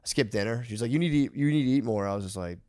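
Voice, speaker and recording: Fast-talking rambling podcast host, man. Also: mid-range voice, warm tone, clean tone, no echo, studio quality. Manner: rambling storyteller, swears a lot, acts out quotes. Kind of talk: casual comedic chat.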